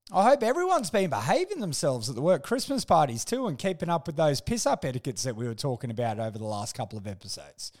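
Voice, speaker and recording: A man's voice: on the high side, a little mellow. A man with an Australian accent hosting a podcast in slangy, sweary, blokey tradesman style, telling stories casually and comically. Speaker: podcast host. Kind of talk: casual comic monologue and storytelling.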